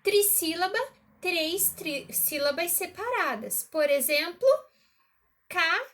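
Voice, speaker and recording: A woman teacher giving a recorded remote lesson to a child, slow and encouraging, often checking in with the listener. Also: very high-pitched, expressive, sharp tone.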